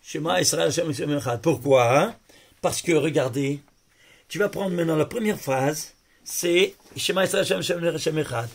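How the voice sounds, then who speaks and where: A rabbi giving a lively lesson, exclaiming over numbers and speaking straight to his listeners. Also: a little high, moderate pace, gravelly. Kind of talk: Torah lesson on gematria.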